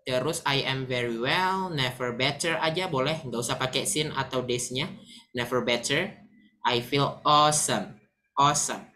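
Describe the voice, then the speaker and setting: A woman giving a casual online English lesson, chatting to viewers as friends and explaining slowly with examples. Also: a bass voice, a bit bright. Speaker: English teacher.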